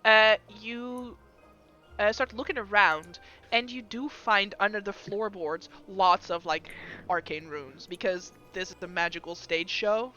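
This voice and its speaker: A woman's voice: on the low side, pushed and bright, lo-fi sound. A woman acting as game master, improvising narration for a tabletop game.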